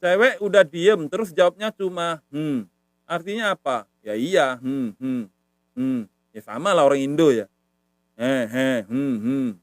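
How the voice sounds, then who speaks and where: A man's voice: on the high side, expressive, measured pace, no room sound. A man giving a casual live-stream language lesson, patient and repetitive, tagging nearly every phrase with a short filler. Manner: repetitive, patient, says "ya" often. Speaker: language teacher.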